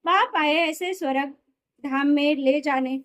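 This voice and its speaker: A woman reading a spiritual discourse aloud in a steady, explanatory way, sometimes correcting herself mid-word. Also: high voice, unhurried. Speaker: reader of a daily spiritual discourse.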